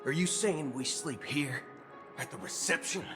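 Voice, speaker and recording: A man's voice: on the high side, a little slow, over music, natural voice. A man playing an impatient, brash cyborg gunslinger in a video game, challenging staff like an entitled customer. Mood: impatient, demanding.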